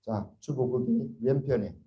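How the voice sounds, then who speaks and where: A man's voice: medium pitch, a little slow, dark tone, dull audio. A pastor preaching a sermon to his congregation, urging and earnest, asking rhetorical questions and answering them himself.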